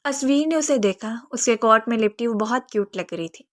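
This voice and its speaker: A woman narrates a romance novel in a steady, even voice. Her pitch sits slightly high and the reading stays scripted and measured.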